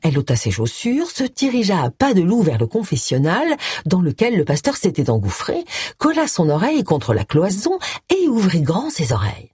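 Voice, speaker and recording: Husky-voiced woman narrating a novel. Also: lowish voice, moderate pace, no room sound. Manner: expressive storytelling. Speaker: audiobook narrator. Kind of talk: scripted narration.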